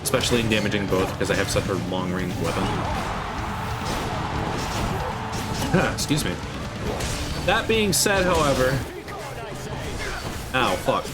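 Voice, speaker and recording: Low-voiced man streaming a game over music. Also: animated, normal speed, long pauses. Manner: joking, rambling, self-deprecating, casually profane. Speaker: variety VTuber streamer. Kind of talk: live game stream chat, reading and answering viewers. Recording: loud game music behind the voice. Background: video game music.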